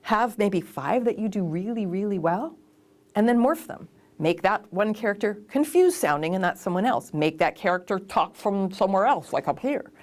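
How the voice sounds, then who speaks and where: A woman voice actor and casting director giving lively, emphatic advice in a conversational interview. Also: mid-range voice, normal speed.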